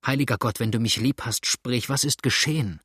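Frightened young wife, soft and fearful, read by a man, husky tone. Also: mid-range voice, a little fast, dry recording, studio quality. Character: anxious devoted young wife.

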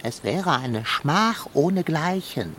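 A woman's voice: deep voice, lively intonation, slow, a bit bright, a little hiss or hum, exaggerated voice. A woman playing a pompous, gloomy male companion in a children's radio play, speaking in grand, old-fashioned phrases. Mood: grumbling.

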